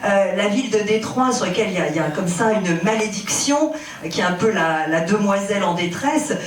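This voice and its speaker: A woman's voice: mid-range voice, lively intonation, fairly quick. Hesitant woman interpreter, very echoey. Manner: filler-heavy, hesitant, repeats phrases. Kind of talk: live interpreting and interview questions. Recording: very echoey, distant mic.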